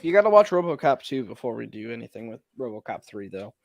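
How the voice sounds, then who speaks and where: Brief: a man rambling through casual movie talk, lively pitch, dry close recording. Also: fast, creaky, no echo. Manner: rambling with restarts. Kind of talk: casual film chat.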